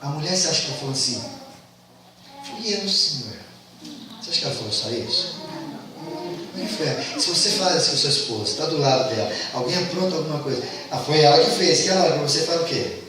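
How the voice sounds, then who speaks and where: A man's voice: on the high side, lively intonation, racing, sharp tone, a little hiss or hum. A man with a Brazilian accent, a pastor giving a casual, joking Bible talk at a camp and acting out the scenes in little voices. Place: talk at a camp retreat venue. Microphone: phone camera from a distance. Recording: very echoey phone recording from far off.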